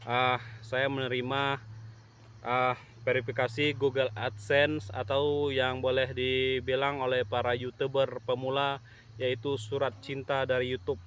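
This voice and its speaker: A man talking casually to camera in a vlog outdoors at a plantation, slow and halting with many fillers. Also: mid-range voice, completely flat delivery, a bit bright, slight background noise. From Indonesia. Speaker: YouTube channel owner. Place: outdoors at an oil palm plantation. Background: insects and rural outdoor ambience.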